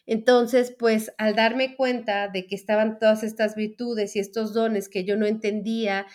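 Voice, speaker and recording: A woman's voice: mid-range voice, little pitch movement, a little slow, a little mellow. A woman in her forties with a Mexican accent, chatting through a personal story and speaking to her audience about feminine energy. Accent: Mexican Spanish. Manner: chatty, with frequent fillers and restarts. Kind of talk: casual storytelling monologue to an audience.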